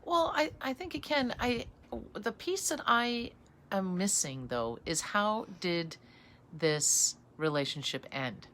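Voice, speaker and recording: A woman co-hosting a casual chat on an outdoor balcony, lively and giggly. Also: medium pitch, slow pace, a little hiss or hum. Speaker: co-host.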